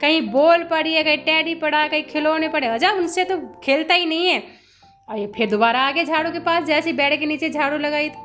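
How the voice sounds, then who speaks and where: A middle-aged woman with a high voice, chatting casually in a home vlog. She narrates her day and scolds her dog fondly. Faint music plays underneath. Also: steady tone, fairly quick, a bit bright. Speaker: vlogger and mother. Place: home indoors.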